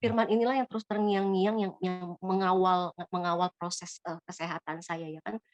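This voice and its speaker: A woman's voice: on the low side, level tone, normal speed, no echo, lo-fi sound. A woman from Bogor, Indonesia, giving a casual spoken testimony, chatty with many fillers and hesitations.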